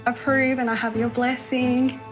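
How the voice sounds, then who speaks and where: Woman, fairly high voice, chatty confessional, giggles, music underneath. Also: flat delivery, unhurried. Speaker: hairdresser.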